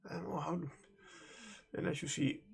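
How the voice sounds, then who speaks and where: Painting miniatures on a livestream, a Dutch-accented streamer from the Netherlands talks in a steady, medium-pitched voice that's slightly mellow and husky, with vocal fry. He's a native Dutch speaker who chats unhurriedly, rambling and hesitating and often correcting himself.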